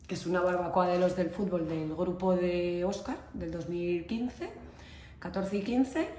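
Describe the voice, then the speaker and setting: A woman from Spain tells a story to camera with a chatty, animated flow. She keeps up a steady stream of fillers and asides. Her voice rings in an echoey room over faint ambient noise. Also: lowish voice, unhurried. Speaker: vlogger.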